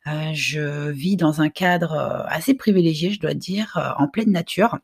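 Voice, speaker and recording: A woman in her thirties hosts her own podcast and talks alone to her listeners. Her voice is husky with a gravelly edge. She hesitates and restarts often, and the sound is dry and close. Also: low voice, a little mellow, no room sound. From Belgium. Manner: halting, frequent hesitations and restarts. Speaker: podcast host. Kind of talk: solo podcast monologue.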